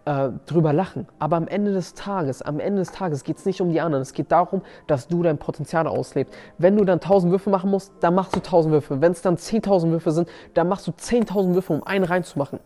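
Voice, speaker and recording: A man's voice: high voice, a little fast, few pauses, mellow. A man hosting a motivational podcast, speaking emphatically and often repeating and restarting his phrases. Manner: emphatic, repeats key words, frequent restarts. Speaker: podcast host and seminar coach.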